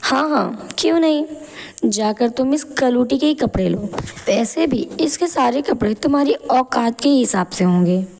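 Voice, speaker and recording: A woman voicing an arrogant young bride in an animated story, who speaks with contempt and insults. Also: high-pitched, moderate pace, vocal fry, full character voice. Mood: contemptuous. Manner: snooty, contemptuous.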